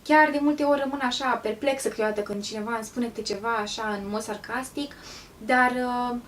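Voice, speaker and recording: A chatty woman from Romania tells stories to her viewers in a relaxed vlog, often pausing on an um. Her voice sits a touch higher than most and comes from a little way off the mic. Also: far from the mic, slight background noise. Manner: chatty, pauses with frequent ums. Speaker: vlogger. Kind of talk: casual vlog storytelling.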